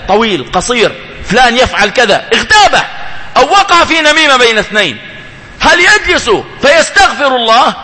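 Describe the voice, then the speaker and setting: Impassioned preacher, high lively voice. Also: male voice. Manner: impassioned, swings between loud cries and low hushed lines. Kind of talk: sermon. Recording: long hall reverb.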